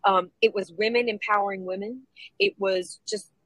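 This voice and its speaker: A middle-aged woman comedian from New York, chatting in an interview, upbeat and lively, dropping Spanish phrases now and then. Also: mid-range voice, normal speed, dry recording, low-quality recording. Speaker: guest, comedian and producer. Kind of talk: casual interview chat.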